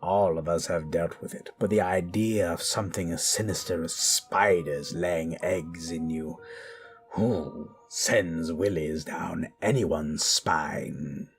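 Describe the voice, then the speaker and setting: This horror story host narrates with a deep, slow voice and a theatrical, macabre relish. He shifts between dramatic storytelling and musing commentary while soft music plays in the background.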